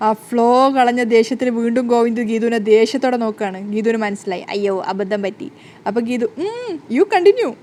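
A woman's voice: on the high side, flat delivery, fast, dark tone, a little hiss or hum. A woman casually retelling a TV serial episode in a chatty style, stringing scenes together with fillers. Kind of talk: casual story recap.

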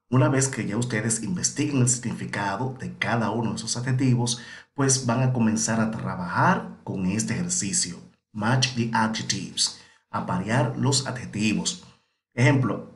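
A man teaching English adjectives, saying each word twice, slowly and clearly. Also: fairly low pitch, roomy sound. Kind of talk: bilingual pronunciation lesson.

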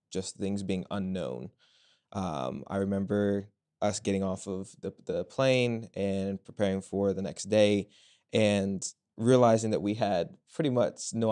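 A young man in his twenties from Virginia, a student guest answering interview questions thoughtfully, with pauses and fillers. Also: on the low side, a little mellow. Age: 20s. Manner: measured, with frequent pauses and fillers. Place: bright office room with large windows.

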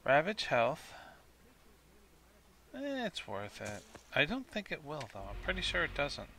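A tired man talks through his gameplay in a chatty, self-mocking way, thinking aloud as he goes. His voice is gravelly yet bright, and he speaks slowly. Faint ambience from the game sits behind him. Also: fairly high pitch, wildly swooping pitch, a little hiss or hum. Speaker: gamer, let's play host. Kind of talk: casual gameplay commentary.

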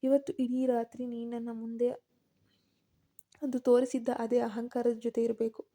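A woman's voice: on the high side, little pitch movement, normal speed, mellow, lightly acted. A woman voicing a bitter, vengeful young man who taunts and sneers at his old college love. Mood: mocking.

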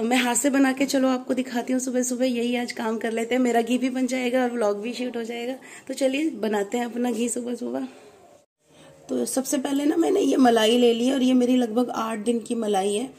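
A woman in her thirties with a hoarse, sore throat, chatting casually through a home cooking vlog and often losing her thread. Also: on the high side, dark tone. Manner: chatty, loses her thread and corrects herself. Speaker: vlogger, mother. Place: at home indoors.

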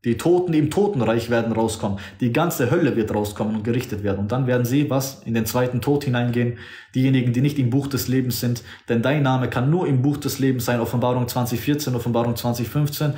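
A man's voice: medium pitch, fast talker, dark tone. A man preaching fervently and insistently, citing scripture verses by chapter and number. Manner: raises his voice to act out quoted speech. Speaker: street-style preacher. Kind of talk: preaching on a social media livestream. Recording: roomy echo.

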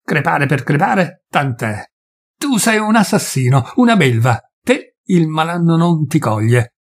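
A man voicing a desperate poor peasant who rages and pleads, his husky voice pushed high. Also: big pitch swings, moderate pace. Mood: furious. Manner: shouting, raw and pleading.

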